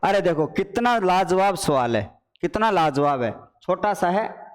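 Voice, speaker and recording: A man teaching a playful, animated online Hindi exam class. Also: high-pitched, measured pace, in a large hall. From Rajasthan. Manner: animated, playful, addresses students as children and brothers. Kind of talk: live online exam paper solution class.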